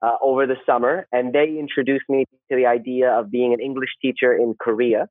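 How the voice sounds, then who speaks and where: Man, mid-pitched, casual podcast guest, rambling and repetitive, dry, slightly dull recording. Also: steady tone, dry recording. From Saudi Arabia. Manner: rambling, halting, repeats words and phrases, often tags "right?". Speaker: podcast guest, social worker. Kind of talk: casual interview, personal storytelling.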